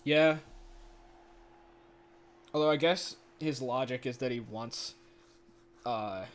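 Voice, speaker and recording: A man doing casual, excitable play-by-play commentary of a video game from home. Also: mid-range voice, slow, clean tone. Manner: chatty, excitable, laughs often. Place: home room.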